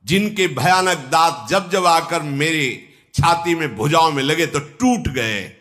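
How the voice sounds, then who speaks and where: A man's voice: a little high, slow pace, a bit bright, voice pushed up. A male preacher voicing an arrogant, boastful demon king with scornful retelling.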